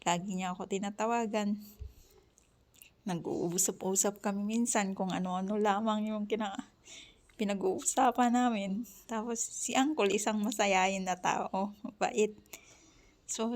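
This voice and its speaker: A woman's voice: medium pitch, steady tone, measured pace, long pauses, darkish tone. Woman, Ilonggo accent, casual storytelling vlog, laughs often, talks while chopping onions. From Western Visayas, Philippines. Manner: chatty, laughs often while recounting a conversation. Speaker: vlogger.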